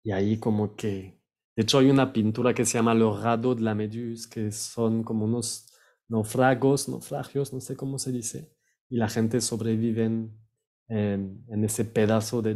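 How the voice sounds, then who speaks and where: A man teaching French pronunciation, repeating words slowly and sometimes searching for the right word. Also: fairly low pitch, fairly even intonation, a little mellow. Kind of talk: pronunciation lesson.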